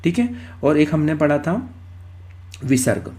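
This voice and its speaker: High-voiced man teaching grammar step by step. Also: steady tone, a little slow, a little mellow, husky. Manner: explains step by step, repeats terms, asks and answers his own questions. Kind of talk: recorded exam-prep lecture.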